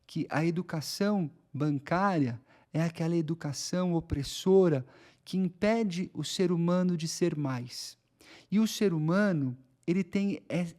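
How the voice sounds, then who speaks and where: A man's voice: fairly high pitch, a little mellow. A man with a Brazilian Portuguese accent explaining a reading lesson to teachers in a conversational way, often checking in with his listeners. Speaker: educator.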